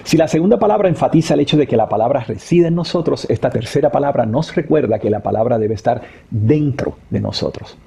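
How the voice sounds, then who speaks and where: A man teaching a devotional Bible study in a measured, explanatory way, rereading a verse and stressing a different word each time. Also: medium pitch, vocal fry, warm tone, slightly rough.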